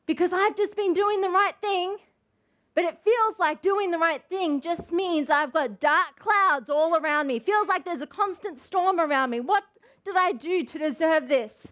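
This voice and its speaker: A woman's voice: extremely high pitch, moderate pace, fairly bright tone. A woman preaching a sermon, fervent and emphatic, with lots of repetition.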